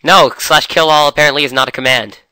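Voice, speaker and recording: A young man with a cold, chatting excitedly through a game session. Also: on the high side, fast talker, clean tone, no room sound. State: has a cold. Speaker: gamer. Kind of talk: casual game commentary.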